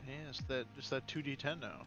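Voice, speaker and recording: A man's voice: mid-range voice, a little fast, lo-fi sound, over music. A man chiming in with jokes during a tabletop game session. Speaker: player. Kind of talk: casual tabletop play.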